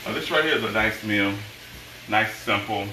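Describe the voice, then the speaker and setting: A man's voice: on the low side, moderate pace. A middle-aged man speaking as a cooking show host, talking viewers through each step in short, unscripted phrases with approving asides. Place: home kitchen, indoors. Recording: echoey kitchen, distant mic, sizzling pan noise. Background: frying sizzle and stirring.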